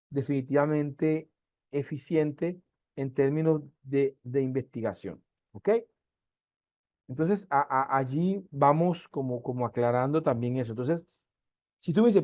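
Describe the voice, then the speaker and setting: A middle-aged Colombian man lecturing on a video call, his Caribbean-coast accent softened. His voice sits a little high for a man and sounds dry and close. He explains patiently and slows down to stress key terms. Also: no echo. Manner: explanatory, asks "¿sí?" often, with slow emphatic stretches. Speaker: university lecturer. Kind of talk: online class lecture.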